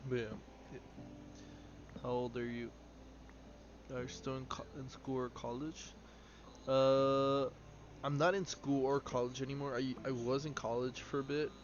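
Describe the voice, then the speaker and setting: Speaking unhurriedly with long pauses, this mid-range voice barely moves in pitch. It's a twenty-two-year-old man casually rambling on a live game stream, filler-heavy, tossing off replies to chat as he plays, recorded with slightly dull audio and clear background noise.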